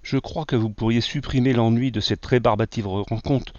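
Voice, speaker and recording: A man's voice: medium pitch, fairly even intonation, normal speed, a little mellow, dry recording, lightly acted. A man voicing a boastful male artist who brushes off danger with joking nonchalance. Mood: mocking. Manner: swaggering, jokey nonchalance. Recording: dull lo-fi, dry.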